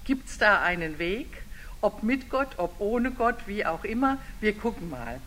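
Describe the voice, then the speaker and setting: Older German woman giving a lively talk. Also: medium pitch, unhurried, a little hiss or hum. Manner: informal, lively, storyteller's rhythm. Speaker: speaker, theology lecturer. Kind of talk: public talk with a picture-book read-aloud.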